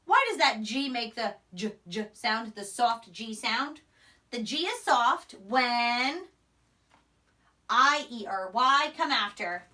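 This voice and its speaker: Taking it slowly, a young primary school teacher sounds out letters and words emphatically for young children in a phonics lesson. Her voice sits on the high side, expressive, bright and forceful. Recorded in a small indoor room before a whiteboard, she sounds distant on a camera mic a few steps away.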